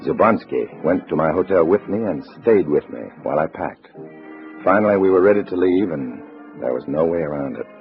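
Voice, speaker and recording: A low-voiced man with an American accent narrates in first person as the lead of a 1950s radio drama, playing a wary undercover agent who poses as a loyal party comrade. His delivery is measured, clipped and hard-boiled yet lively in intonation, with a grim, tense mood. Music plays under the muffled vintage recording.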